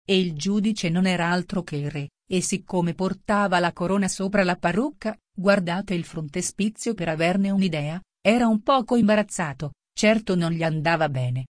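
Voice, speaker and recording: Brief: woman audiobook narrator, low-pitched, even storybook reading. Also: normal speed, few pauses, dry recording, clean studio sound.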